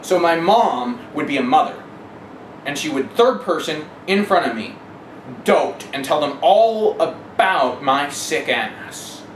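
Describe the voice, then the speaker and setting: This interviewee takes it slowly, offering personal testimony in an animated, medium-pitched voice and speaking emphatically. Background noise and echo are plainly audible in the room.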